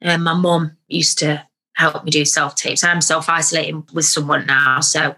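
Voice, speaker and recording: A woman's voice: low voice, flat delivery, moderate pace, pushed and bright, breathy edge. A young woman, an actor, chatting candidly in an interview and telling stories about herself with self-deprecating humour. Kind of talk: casual interview chat.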